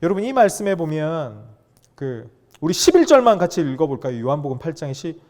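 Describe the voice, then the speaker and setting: Speaking fast and animatedly, a middle-aged man gives a lively lecture to a room of fathers, asking them questions and acting out bits of dialogue. His voice is mellow and dark, sitting a little high, with pitch that rises and falls widely.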